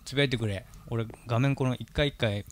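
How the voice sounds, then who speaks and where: A man's voice: mid-range voice, a little fast. A young man hosts a live game stream, chatting in an easygoing way with two friends. He keeps things moving and checks on the sound as he goes. His voice sits in the middle of the range. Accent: Japanese. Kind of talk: live gaming chat.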